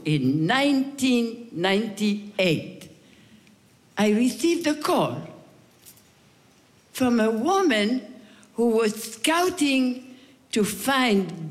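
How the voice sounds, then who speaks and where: An elderly woman from Morocco tells her story on a theater stage, speaking very slowly and deliberately. Her voice swings up and down in pitch. A long hall reverb hangs behind her. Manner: slow, deliberate telling with lively rises and falls. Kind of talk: live personal storytelling on stage.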